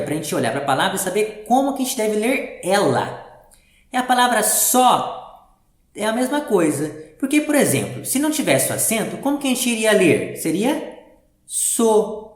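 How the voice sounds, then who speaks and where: A man teaching a reading lesson to young pupils, explaining patiently step by step and asking the class questions. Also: high voice. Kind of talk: primary school reading lesson. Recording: roomy echo.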